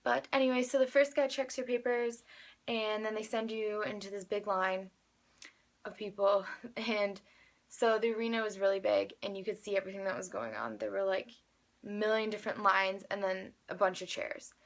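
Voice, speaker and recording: An eighteen-year-old American vlogger and amateur singer casually tells her story to camera as if chatting with a friend, in a medium-pitched voice heavy with vocal fry and little pitch movement. She speaks at normal speed, rambling youthfully with frequent filler words and backtracking.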